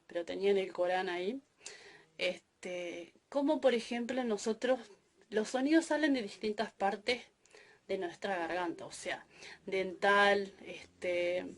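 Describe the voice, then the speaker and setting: A middle-aged woman gives an explanatory lecture at a moderate pitch. She circles back on her points, leaning often on small fillers as she works through each idea. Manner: rambling, frequent "este" and "o sea" fillers. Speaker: Arabic language teacher.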